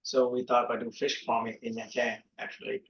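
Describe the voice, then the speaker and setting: A mid-pitched man talks earnestly and casually as a co-founder. The room adds heavy echo and the sound is dull and lo-fi. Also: flat delivery, fairly quick, fairly bright tone. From Vietnam. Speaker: startup co-founder. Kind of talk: casual panel talk.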